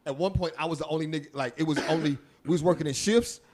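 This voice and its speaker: With a slightly high voice and a fast delivery, a podcast co-host relaxes into a lengthy story, laughing, cursing freely, and performing quoted voices. Background noise is audible.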